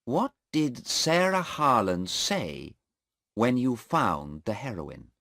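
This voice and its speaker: A man voicing a sharp, insistent male defense lawyer in a story read aloud, pressing a witness with pointed questions. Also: medium pitch, sing-song, slow, vocal fry, no room sound, studio quality, pitched above the performer's own voice, full character voice. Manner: pointed questioning, pushes hard.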